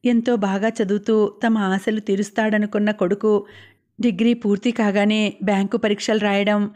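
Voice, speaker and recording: A woman's voice: mid-range voice, little pitch movement, moderate pace, a little mellow. A woman reading a novel aloud as an audiobook narrator, telling the story steadily.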